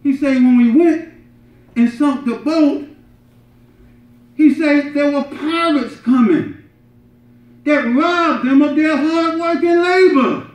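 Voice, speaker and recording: A middle-aged imam gives the Friday sermon in a carpeted mosque prayer hall, his congregation seated on the floor. Animated, he swings from loud, emphatic peaks to soft asides, addressing them directly with a frequent rhetorical "right?" in a very high voice, slowly and with many pauses. The camera audio is roomy, distant, and slightly dull.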